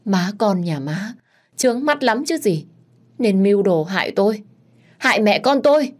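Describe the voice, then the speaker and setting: A woman voicing a spoiled, dramatic pregnant young wife who makes shrill, sobbing accusations. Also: expressive, normal speed, lightly acted. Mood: accusing.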